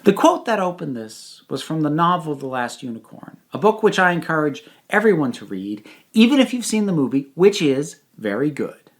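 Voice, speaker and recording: Medium-pitched and in their thirties, this speaker offers a prepared personal reflection, pausing deliberately and phrasing things in a measured, emphatic way.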